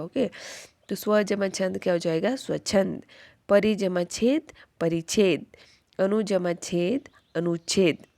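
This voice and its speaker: A woman teaching grammar at an unhurried pace. Her voice is low and has a gravelly edge. She keeps turning each rule into a question and answering it. The recording is dry, with no room sound. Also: a little mellow, dry recording. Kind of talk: Hindi grammar lesson.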